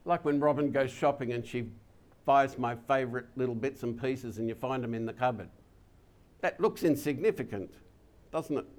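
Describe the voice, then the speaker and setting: An older man, a pastor, giving a gentle and plain-spoken communion sermon, often dropping to a soft, intimate tone. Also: medium pitch. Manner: slow, gentle, intimate preaching with soft drops.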